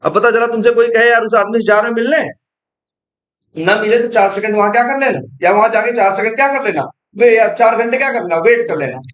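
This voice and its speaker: A man's voice: high-pitched, fast, a bit bright, reverberant. A young man teaching programming in an informal lesson, asking himself questions and answering them as he explains.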